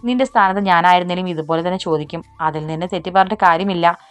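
A woman voicing a gentle, affectionate older brother who soothes his sister. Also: on the low side, fast, smooth, dry recording, soft background music, natural voice. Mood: tender. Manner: soothing, fond.

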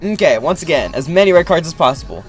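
A teenage boy hosting a gaming channel, giving casual commentary and getting excitable, yelling at the game. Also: fairly high pitch, quick pace, faint music behind.

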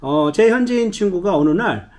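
A man's voice: high voice, expressive, normal speed, a little mellow. A middle-aged man giving a casual spoken language lesson, chatty and full of fillers, acting out little dialogues as he explains. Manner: chatty storytelling with many fillers, acts out dialogue. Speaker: travel guide teaching phrases.

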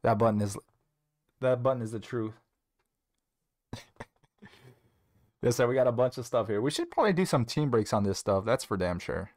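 A man's voice: mid-range voice, expressive, normal speed, long pauses, darkish tone. Breathless upbeat man hosting a stream. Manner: upbeat, joking, swears casually. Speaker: card break livestream host. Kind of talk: casual livestream chat. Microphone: earpiece in, on stream.

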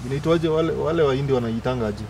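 Very fast-talking Kenyan man, outdoor noise. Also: mid-range voice, a crowd in the background. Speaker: guest. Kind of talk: casual personal testimony, mixing Swahili and English. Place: outdoor garden. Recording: clearly noisy outdoor ambience.

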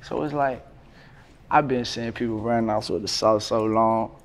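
A young man in his twenties with a drawl speaks in a low voice, loose and full of slang and fillers. He sits indoors by a brick wall, and a faint room hum sits behind him. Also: normal speed. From North Carolina, USA. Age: 20s. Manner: relaxed slangy talk, many fillers. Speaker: rapper, interview guest. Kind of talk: casual interview talk.

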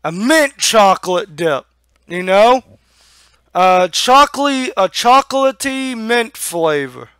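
A young man giving a casual, halting review to camera on a headset mic, talking with a lip full of dip. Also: high voice, expressive, fairly bright tone, smooth, no echo, clean studio sound. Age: young adult. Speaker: amateur product reviewer. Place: small room at home. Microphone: headset microphone.

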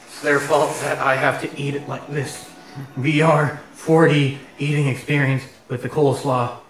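A man's voice: mid-range voice, little pitch movement, moderate pace, echoey room, recorded from a distance. A man doing a parody food review, talking muffled through a face mask with mock-melodramatic complaints. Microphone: head-mounted camera.

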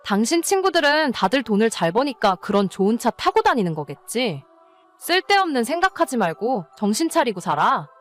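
Playing the exasperated spouse of a careless husband, a woman scolds and nags in sing-song tones, her voice on the high side and a little fast. Faint music runs behind this scripted story, which mixes narration with dialogue.

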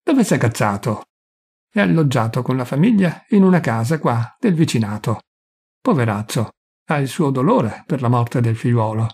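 A man narrating a classic short story as an audiobook, reading in a measured way and giving the characters' lines small shifts of voice. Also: medium pitch, animated, darkish tone, husky. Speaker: reader of literary fiction.

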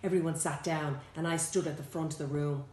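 A woman reading aloud from her own children's book, lively and expressive, jumping higher for the characters' lines. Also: fairly quick, roomy sound. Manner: lively, swoops high for quoted characters. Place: home.

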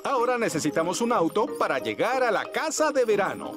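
A man's voice: high voice, wildly swooping pitch, a little fast, music in the background. A man voicing a jolly, overconfident father pig in a children's cartoon. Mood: confident.

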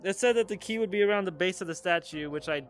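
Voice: medium pitch, fast talker. Jumpy gamer on a VR headset mic. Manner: jumpy, nervous laughter, playful. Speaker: gaming YouTuber. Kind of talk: casual gameplay chatter. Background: game music.

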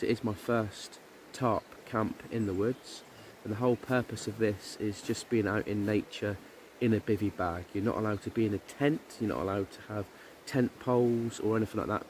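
A man's voice: fairly low pitch, a little mellow, a little hiss or hum. A man, chatting casually to camera at a woodland camp, easygoing and full of ums. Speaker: outdoor camping vlogger. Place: woodland camp outdoors by a river.

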